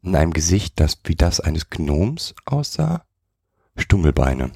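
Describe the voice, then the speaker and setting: Man reading a story aloud, calm measured pace, very deep gravelly voice, husky, dry sound. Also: dry recording. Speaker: podcast storyteller.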